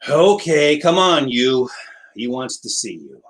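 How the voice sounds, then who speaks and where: A man's voice: medium pitch, expressive, slow. A man playing a surly, menacing young gunman in a radio crime drama. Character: surly young gunman threatening in gangster slang.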